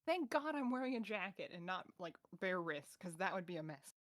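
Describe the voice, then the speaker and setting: A woman's voice: lowish voice, sing-song, brisk, dry recording, clean studio sound. A woman playing a tabletop role-playing game, speaking casually and jokingly with many fillers. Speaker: player. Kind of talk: tabletop role-play, in and out of character.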